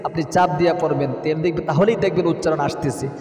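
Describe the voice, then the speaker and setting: A man teaching how to say the prayers, giving quick, insistent instructions and correcting pronunciation between slow, melodic chanted lines. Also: a little high, fairly even intonation, a little mellow, roomy sound, big-room sound, distant mic. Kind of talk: teaching prayer recitation, chanting Arabic phrases.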